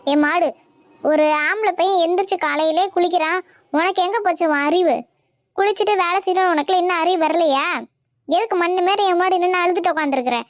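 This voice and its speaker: A bossy mother-in-law , played by a woman, scolds and nags in a comedy skit. Her voice sits very high and sounds dry and close. Her talk is scornful and berating. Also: a little fast, dry recording. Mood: scolding. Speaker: skit actor.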